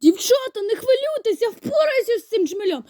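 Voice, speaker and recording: A frightened, slightly hoarse woman on a playful spooky Halloween vlog, swinging between shrieks and hushed whispers. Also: extremely high pitch, animated, fairly quick, dry recording, studio quality. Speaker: vlogger.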